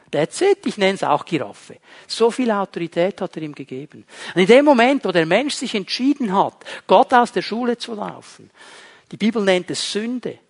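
A man preaching a sermon. He swings between loud and quiet, speaks straight to his listeners and slips in humorous asides. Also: sits high. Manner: dramatic shifts between loud and quiet, addresses listeners directly.

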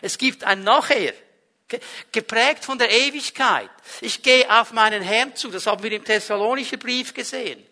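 A man preaching a sermon at a church service, swinging between loud emphasis and hushed, quiet passages, and acting out quoted prayers. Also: extremely high pitch, moderate pace. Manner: acts out quoted prayers and voices.

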